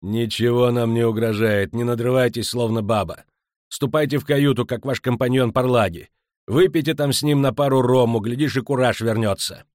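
A man voicing a gruff, scornful ship captain who bullies and shouts down others, in an audiobook. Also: on the low side, moderate pace, no room sound, clean studio sound, close to an everyday voice. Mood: blustering.

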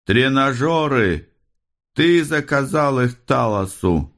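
A man's voice: fairly high pitch, slow, a bit bright, voice pushed up. A man voicing a disturbed male detective who mumbles obsessively, his speech slurred.

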